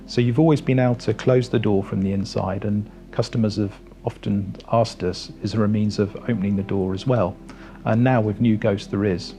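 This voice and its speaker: Mellow, low-voiced man presenting. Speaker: company presenter. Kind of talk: product walkaround presentation.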